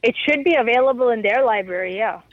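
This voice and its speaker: A woman answering an interviewer's questions over the phone, halting and stumbling over her words. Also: a little high, no echo. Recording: tinny phone line.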